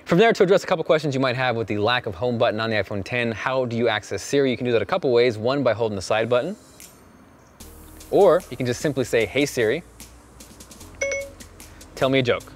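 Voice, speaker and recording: An enthusiastic young man chatting casually through a tech review, recorded outdoors. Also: mid-range voice.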